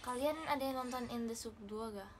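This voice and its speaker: A young woman with an Indonesian accent, chatting casually and excitably with viewers on a livestream, mixing in English phrases. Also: a little high, brisk, slight background noise. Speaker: idol livestream host.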